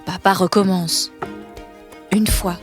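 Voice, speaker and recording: A woman reading a children's storybook aloud, softly and expressively. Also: lowish voice, fairly even intonation, takes it slowly, over music.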